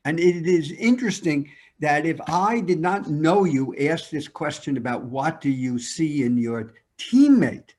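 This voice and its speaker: A man, a surgeon, speaking haltingly with many pauses and fillers over a video call. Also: a little high, lively intonation, a little mellow. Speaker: pediatric orthopedic surgeon. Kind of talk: online discussion.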